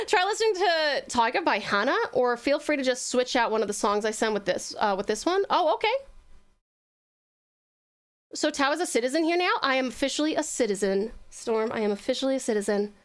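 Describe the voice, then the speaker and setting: Her high, sing-song voice moving a little fast, a virtual streamer host chats with her livestream audience in a casual way. She's sweet and effusive, calling viewers by lots of endearments.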